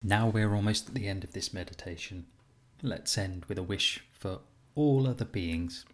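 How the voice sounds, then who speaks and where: A man with a voice on the low side leads a guided compassion meditation as teacher. His delivery is unhurried, gentle, and soothing, marked by pauses.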